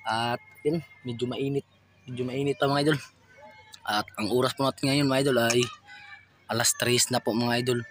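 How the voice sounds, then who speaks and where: A man with a Filipino accent narrating a casual fishing vlog from a small boat, shouting excitedly during catches. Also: mid-range voice, moderate pace, pauses often. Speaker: fishing vlogger.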